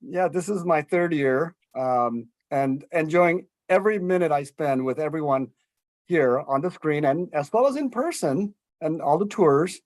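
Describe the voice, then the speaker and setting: A man's voice: a little high, animated, unhurried, darkish tone, dry recording. A man introducing himself in an upbeat, conversational way on a video call for a community advisory group.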